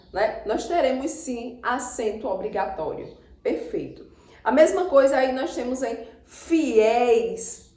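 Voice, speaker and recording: A Brazilian woman teaches a grammar lesson for exam prep, sounding out each word slowly and repeating it syllable by syllable. Her voice sits a bit high for a woman. The room around her is noticeably echoey. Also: a little mellow. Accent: Brazilian Portuguese. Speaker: Portuguese teacher.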